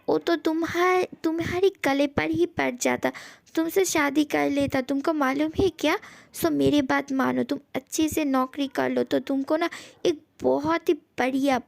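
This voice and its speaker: A brash, scolding young man newly moved into a house, played by a woman in a fan audio story. The voice is high and gravelly, recorded dry and close. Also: no room sound, full character voice. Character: young man, new tenant, brash and jumpy.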